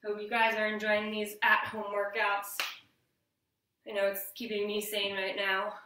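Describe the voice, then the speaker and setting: A woman's voice: mid-range voice, completely flat delivery, unhurried, sharp tone, a little hiss or hum. A woman in her thirties coaching a home workout like an aerobics instructor, encouraging and counting reps aloud, in a living room away from the mic. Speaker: fitness instructor. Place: living room with wooden floor. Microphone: camera mic from a few metres. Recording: very echoey room, distant mic.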